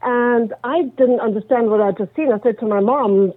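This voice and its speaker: A woman in her forties answers interview questions, her voice pitched a little high. She tells her story in a thoughtful, measured way. The line is thin and phone-like and completely dry. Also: no room sound. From South Africa. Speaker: guest.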